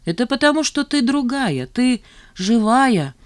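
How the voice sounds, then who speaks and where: A man's voice: extremely high pitch, sing-song, unhurried, dry recording, voice pushed up, exaggerated voice. A reader voicing a lovesick, slightly drunk young man who talks earnestly and unsteadily. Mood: whispering tenderly.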